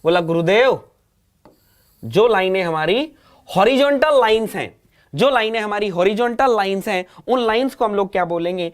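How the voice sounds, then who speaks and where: A man's voice: sits high, animated, moderate pace. A man teaching an exam coaching lecture. He asks the class a question, repeats it, answers it himself, and calls his students "child".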